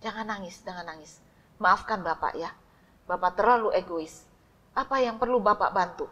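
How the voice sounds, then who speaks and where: A woman voicing a father who gently soothes and apologizes to his child in a devotional story. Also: mid-range voice, moderate pace, lo-fi sound, close to an everyday voice. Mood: soothing. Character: father, first gruff, then softly apologetic.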